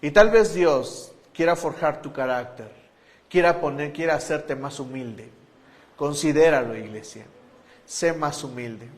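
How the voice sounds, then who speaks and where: Predicador enfático de voz algo aguda. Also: male voice, fairly high pitch, measured pace. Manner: emphatic preaching, swinging from loud to hushed. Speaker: pastor. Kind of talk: sermon. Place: church.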